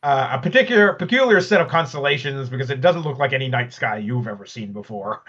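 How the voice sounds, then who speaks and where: Guy running a tabletop game, lots of uhs, bright voice, dull lo-fi sound. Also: mid-range voice, expressive, a little fast. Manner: hesitant, many fillers, chuckling. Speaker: game master.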